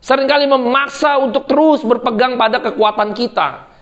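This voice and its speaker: Male preacher, high voice, conversational sermon with slang and humor, muffled lo-fi recording. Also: normal speed. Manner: lively, chatty, jokes and laughs with the congregation; slips into colloquial Jakarta slang.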